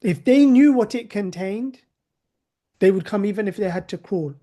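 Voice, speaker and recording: A man's voice: sits high, moderate pace, mellow. Chatty man lecturing a class. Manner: conversational, with sarcastic rhetorical asides. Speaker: teacher of hadith.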